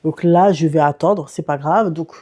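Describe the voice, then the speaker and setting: A woman's voice: deep voice, moderate pace, dark tone. A woman chatting casually in a vlog, slangy and grumbling, her voice muffled and thick from swollen tonsils. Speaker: vlogger.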